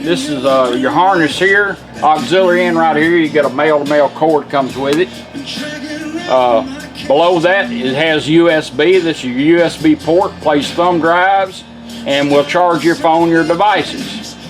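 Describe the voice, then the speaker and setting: Unhurried and fairly high-voiced, a man who restores radios presents a product in an informal, down-home demonstration. Music from the car radio being shown plays in the background.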